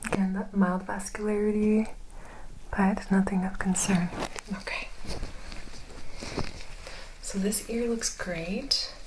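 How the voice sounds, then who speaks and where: A woman in a soft, mostly soft-spoken ear-exam ASMR role-play, gently explaining each step as the clinician. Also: mid-range voice, steady tone, slow, long pauses, slight background noise, low-quality recording.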